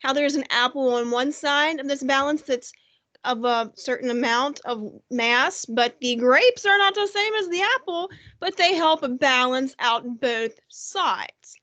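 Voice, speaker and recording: Upbeat woman art teacher, high bright voice, asks students questions, online class. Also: a little slow. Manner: upbeat, talks directly to young students with questions. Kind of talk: recorded online art lesson. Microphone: computer mic, screen-shared lesson.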